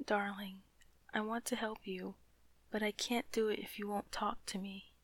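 A woman in an ASMR comfort roleplay, speaking softly and soothingly to a loving partner, often slipping into whispers close to the mic. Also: medium pitch, flat delivery, moderate pace, no room sound.

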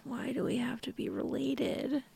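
A young woman whispering softly and breathily in a close-mic audio roleplay, shy and halting, with frequent giggles. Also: high-pitched, gravelly, husky. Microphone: close microphone.

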